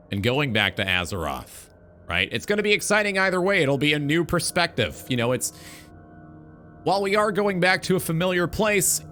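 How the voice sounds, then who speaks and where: A man in his twenties with a slightly high, somewhat bright voice hosts a livestream over background music. As a streamer and talk show host, he rants casually about video games, rambling emphatically and dropping the occasional swear.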